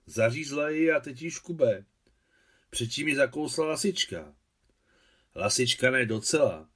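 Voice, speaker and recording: A man's voice: mid-range voice, animated, fairly bright tone, husky, voice pushed up. A man reading aloud who voices a firm, caring village aunt who gives orders. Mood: bossy. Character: brisk warm-hearted village aunt, woman.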